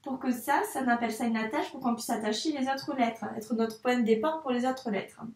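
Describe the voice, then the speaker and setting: A woman teaching young children handwriting, speaking slowly and encouragingly and addressing the child directly. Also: on the high side. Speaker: primary school teacher. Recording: echoey room, voice a bit far from the mic.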